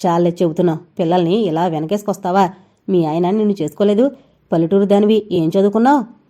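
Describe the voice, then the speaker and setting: A woman voicing a sharp-tongued, doting old grandmother who scolds loudly, read aloud in a storybook telling. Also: fairly low pitch, fairly even intonation, a little fast, natural voice. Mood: scolding. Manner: loud and scolding.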